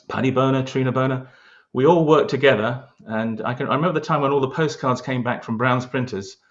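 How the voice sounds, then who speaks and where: The recording is muffled as a man with a London accent talks earnestly about local history, often hesitating and starting over. He's an award-winning local historian being interviewed, and his voice is mid-range.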